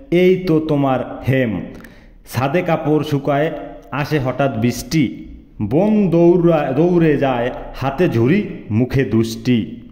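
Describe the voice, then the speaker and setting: A man's voice: medium pitch, mellow. A man from Barisal with a Barisal Bengali accent, reciting rhymed verse in a playful, rhythmic, sing-song way. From Barisal, Bangladesh. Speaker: poet-performer. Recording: echoey room with long reverb.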